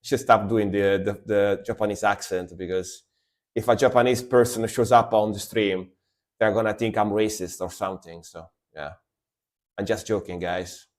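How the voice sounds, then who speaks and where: A man's voice: on the low side, fairly even intonation, moderate pace. A man from Italy, streaming and giving enthusiastic, rambling commentary while reacting to metal music.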